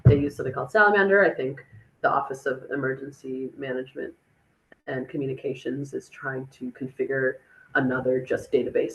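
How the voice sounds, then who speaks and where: A woman's voice: extremely low pitch, rough recording. A woman answering audience questions at a tech meetup, casual and chatty with many fillers and restarts. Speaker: speaker on a city dashboard, chief of staff.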